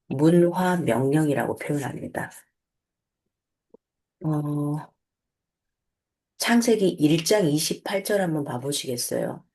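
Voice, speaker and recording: Low-voiced woman teaching the Bible casually. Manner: relaxed, conversational, with fillers and self-corrections.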